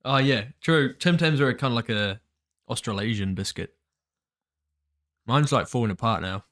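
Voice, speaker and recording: A man co-hosting a casual podcast, chatty and quick to laugh. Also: mid-range voice, a bit bright. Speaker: podcast co-host. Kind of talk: casual chat.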